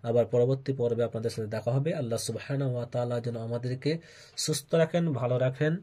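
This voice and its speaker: A man with a Bangladeshi accent teaching Quran reading, spelling syllables aloud and drawing them out in a melodic recitation, with quick plain explanations between. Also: mid-range voice, steady tone, dark tone.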